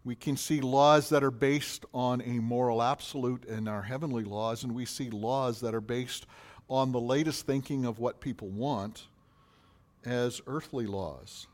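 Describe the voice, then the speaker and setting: A pastor preaching a sermon, asking questions in a rising voice and answering them more quietly. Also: male voice, medium pitch, fairly even intonation, measured pace.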